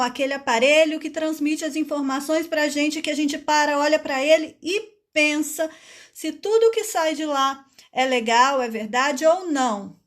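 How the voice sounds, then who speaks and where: A woman teaching adults to read, patiently drawing out syllables one at a time in a phonics lesson. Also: high-pitched.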